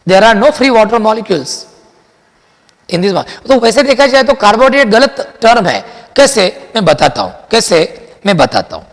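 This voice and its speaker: A man teaching chemistry in a classroom lecture, mixing Hindi and English, asking and answering his own questions and repeating key sentences slowly for dictation. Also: high voice, sing-song, big-room sound. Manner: addresses students as children, asks and answers his own questions.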